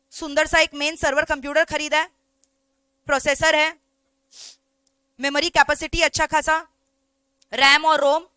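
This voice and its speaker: A woman's voice: sits high, bright, forceful tone, no echo. An Indian woman teacher giving an online lecture in a chatty way, often checking whether her students follow.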